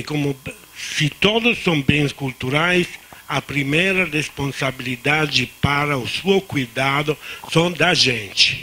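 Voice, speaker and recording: His fairly high, bright and forceful voice carries an Italian accent as this native Italian speaker from Italy offers unscripted discussant remarks on a conference panel. He frequently restarts words and slips into Spanish.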